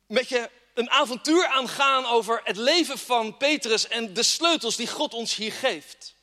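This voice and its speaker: A man's voice: high voice, bright, forceful tone. A man preaching a fervent sermon in a church and reading scripture with strong emphasis. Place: church hall with congregation. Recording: long reverb of a church hall.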